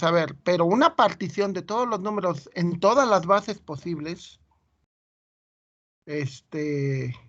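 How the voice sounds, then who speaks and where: A man's voice: sits high, fairly bright tone, highs cut off. A Mexican man with a Mexican Spanish accent giving an informal math lecture, chatty and full of anecdotes. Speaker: teacher.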